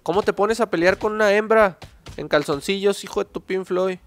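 A man's voice: high voice, fairly even intonation, moderate pace, soft background music. A man with a Mexican accent giving casual, joking gameplay commentary, full of slang, reading the game text aloud. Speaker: gaming youtuber.

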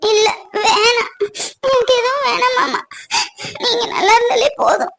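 A woman's voice: extremely high pitch, normal speed, creaky, crowd noise. A woman voicing a tender young wife in a cartoon, pleading with her husband through sobs. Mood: tearful. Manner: pleading, sobbing. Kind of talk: cartoon voice acting.

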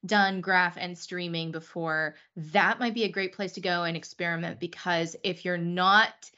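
A woman in her thirties hosting a tech review show, energetic and upbeat, speaking from a room at home. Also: on the low side, lo-fi sound. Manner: energetic, quick affirmations. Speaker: host. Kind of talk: upbeat show intro and interviewing. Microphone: webcam, video call.

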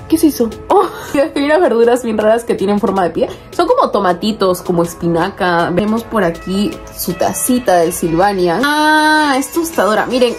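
A young woman chatting casually as she unboxes toys, excitable, often squealing over cute little figures. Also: on the high side. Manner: chatty, uses many diminutives. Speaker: toy collector vlogger.

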